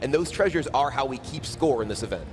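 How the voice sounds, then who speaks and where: A man's voice: medium pitch, lively intonation, fast talker. A male co-caster with an ordinary mid-range voice. He breaks down plays in an explanatory way, with music running underneath. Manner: explanatory, detailed analysis. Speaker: esports co-caster. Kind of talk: color commentary.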